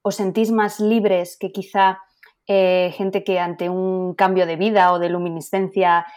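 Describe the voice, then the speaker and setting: A woman's voice: lowish voice, little pitch movement, a little slow, a little mellow. A woman hosting an interview podcast who asks thoughtful, probing questions of her guest. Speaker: podcast host.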